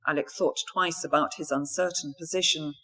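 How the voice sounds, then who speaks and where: A woman author reading a mystery novel aloud in a steady, even storytelling manner. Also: deep voice, normal speed, breathy edge.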